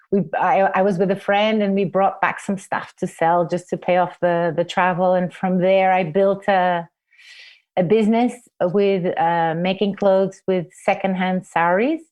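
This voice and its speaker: A woman in her forties from Portugal, telling her life story reflectively in an interview. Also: lowish voice. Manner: reflective, soft-spoken, restarts with fillers. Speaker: guest, forest therapy guide trainer.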